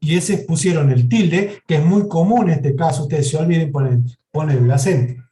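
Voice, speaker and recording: A man's voice: fairly high pitch, normal speed, dark tone. Man lecturing, roomy echo. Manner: step-by-step, often checks in with "¿sí?". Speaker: university programming teacher. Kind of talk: live lecture with software demo. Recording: echoey classroom recording.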